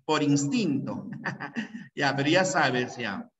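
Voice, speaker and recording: In a slow, very animated delivery at mid-range pitch with a fairly bright tone, a male language teacher from Peru repeats rules again and again for his pre-university students and keeps checking their understanding. There is a little hiss or hum, and the distant mic captures a dull, echoey room.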